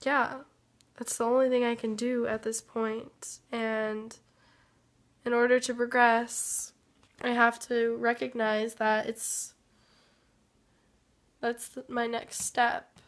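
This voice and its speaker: A woman with a rather high, sick-sounding voice talks straight to her viewers in a loose, rambling update. She speaks slowly and evenly, hesitating and trailing off often. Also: level tone. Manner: hesitant, trailing off with many fillers. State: sick, rough voice. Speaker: vlogger.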